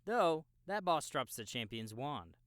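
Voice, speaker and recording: This audiobook clip has a man playing a laid-back, experienced young gamer walking a newcomer through the world in a casual, knowing way. He speaks a little slowly in a fairly high, sing-song voice with a fairly bright tone, captured dry in a clean studio. It's explanatory dialogue delivered with a knowing air.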